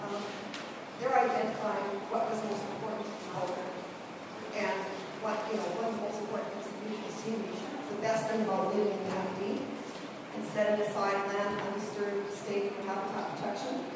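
A middle-aged woman at a community meeting, questioning officials pointedly with many pauses and ums. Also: mid-range voice, level tone. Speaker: resident speaking at a town hall. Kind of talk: public comment at a community meeting. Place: large wooden community hall, indoors. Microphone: handheld mic, recorded by a far camera. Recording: echoey hall, distant mic, noisy.

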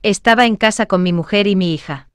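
A woman reading short everyday phrases aloud in a clear, measured way, saying each one twice for learners. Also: medium pitch, dry recording, clean studio sound. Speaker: Spanish phrase reader. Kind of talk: slow repeated phrase reading.

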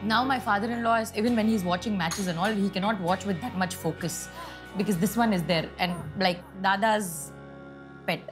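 An Indian woman talks in an easy, conversational family chat. Her voice has a medium pitch, and music is prominent behind her. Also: normal speed. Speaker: cricketer's wife. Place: family dining room.

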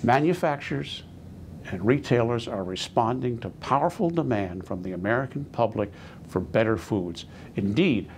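A man speaks as an industry expert in an articulate, authoritative way. His pitch moves expressively, with a faint rumble behind him. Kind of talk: interview.

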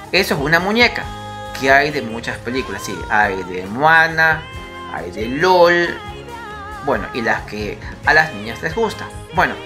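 Female teacher for young kids, low-pitched, very animated, faint music underneath. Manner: patient and chatty, asks questions and has the listener repeat words. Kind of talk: recorded online lesson for young children.

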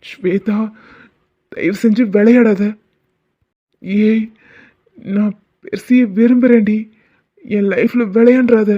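A man's voice: high-pitched, steady tone, slow pace, long pauses, dark tone, muffled recording. A man voicing a stern young village man in a cartoon, harsh and scolding. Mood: pleading. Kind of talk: cartoon dubbing.

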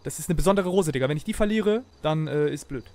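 A young man streaming a roleplay game, talking in a foul-mouthed, excitable, slangy way into a desk microphone. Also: fairly high pitch, fast talker. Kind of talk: live gaming stream with in-character roleplay. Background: music playing under the voice.

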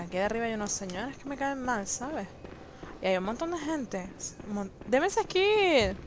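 A woman's voice: mid-range voice, a little hiss or hum. A young woman streaming a video game, chatting with viewers and her partner and yelping in panic when enemies attack. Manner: excitable, yelps and shrieks in panic during fights. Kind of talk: live gameplay commentary.

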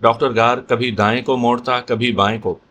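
A man narrates a horror story in a measured, steady storytelling voice. His pitch sits right in the middle for a man. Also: a little hiss or hum.

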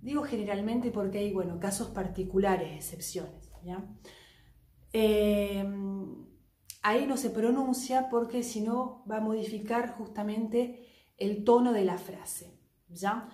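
Slow, careful woman teaching in an echoey room. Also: mid-range voice, mellow. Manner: slow, repeats each example deliberately. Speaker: French teacher. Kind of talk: bilingual language lesson.

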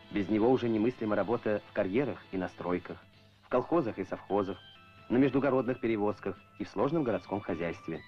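A man narrating a scripted documentary as an old Soviet newsreel narrator, in a measured, formal announcer style. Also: on the low side, darkish tone. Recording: muffled old film soundtrack with music.

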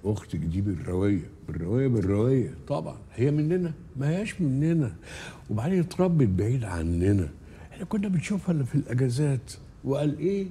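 A flattering, scheming Egyptian uncle. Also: male voice, on the low side, a little hiss or hum. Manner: sweet-talking, coaxing, repeats himself. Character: scheming, flattering male uncle wheedling his niece.

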